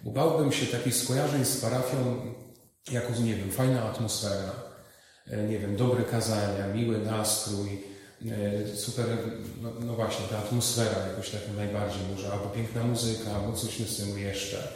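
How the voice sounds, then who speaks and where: A man preaching a sermon as a priest, speaking haltingly with many fillers and repeated words. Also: lowish voice, fairly even intonation, darkish tone, slight background noise. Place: large reverberant church. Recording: echoey church hall.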